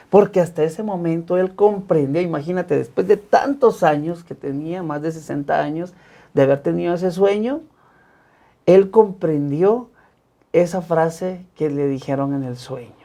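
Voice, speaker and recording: Hombre de voz cálida, testimonio de fe sincero. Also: male voice, on the high side, mellow. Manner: earnest, emphatic repetitions. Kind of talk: personal faith testimony in conversation.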